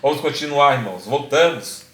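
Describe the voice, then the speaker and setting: A man with a Brazilian Portuguese accent preaching a sermon, swinging between loud exhortation and quiet asides. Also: mid-range voice, animated, fairly quick, roomy sound.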